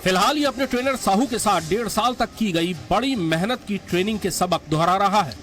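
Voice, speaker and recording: A man's voice: sits high, expressive, normal speed, fairly bright tone. A man reading scripted documentary narration as the narrator. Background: music.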